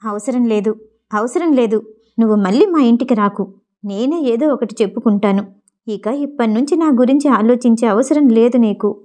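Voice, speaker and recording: A woman's voice: on the high side, normal speed, a little mellow, close to an everyday voice. A woman voicing a heartbroken, bitter young woman in an audiobook, speaking in a tearful, trembling voice. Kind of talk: audiobook character voice.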